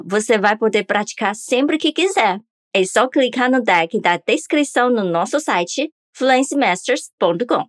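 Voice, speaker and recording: A woman's voice: fairly high pitch, dry recording, clean studio sound. A woman teaching a pronunciation lesson on a podcast, upbeat and coaxing listeners to repeat after her. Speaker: language teacher.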